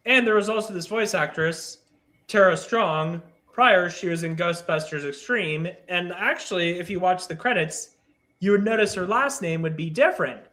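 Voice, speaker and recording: A man co-hosting a casual cartoon podcast, with a voice pitched a little high. He shares trivia in a chatty, loose way, filling his sentences with "like" and "you know". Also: normal speed, bright, forceful tone. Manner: chatty, gives facts with many likes. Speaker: podcast co-host.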